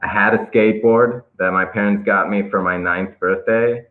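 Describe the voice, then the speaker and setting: A young man from Israel, interviewed as a guest skateboarder, speaks at a moderate pace in a lowish, steady voice with an American-flavored Israeli accent. Relaxed and hesitant, he leans on fillers and restarts, and the phone-line audio is tinny.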